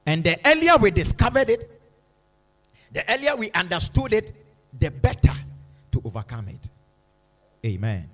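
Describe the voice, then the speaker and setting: A man preaching a sermon in a church, slow and emphatic, repeating lines for dramatic weight. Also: sits high, sing-song, fairly bright tone. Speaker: pastor.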